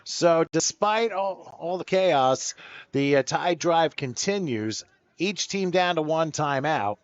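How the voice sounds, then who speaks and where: A man calling play-by-play for a football game, building excitement as the plays unfold. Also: fairly high pitch, slow pace, no room sound, dull audio. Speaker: play-by-play announcer. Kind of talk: sports play-by-play commentary.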